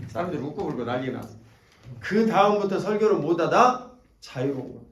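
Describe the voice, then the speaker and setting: A man with a Jeolla accent preaches at a church revival, keeping the congregation laughing with folksy, teasing asides. His voice sits a little high. He is recorded from off-mic in an echoey sanctuary. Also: animated, moderate pace, distant mic. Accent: Jeolla Korean. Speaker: pastor. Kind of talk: sermon at a revival meeting.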